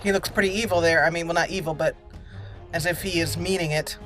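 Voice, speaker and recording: A woman narrates a roleplay video game playthrough in casual let's play style, chatty and thinking aloud as she goes. Her lowish voice is steady and fast, with game music playing behind it.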